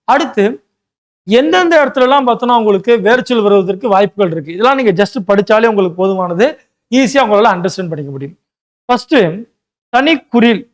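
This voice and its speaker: A male teacher giving a Tamil grammar lesson for an exam, explaining step by step, mixing in English words and often checking in with "right?". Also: extremely high pitch. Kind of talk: classroom lecture.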